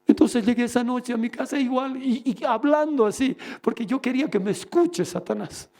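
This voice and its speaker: A man's voice: very high voice, moderate pace, a little mellow. A male pastor preaching a sermon, telling a personal testimony and acting out the voices in it. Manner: storytelling testimony, acting out voices in his story.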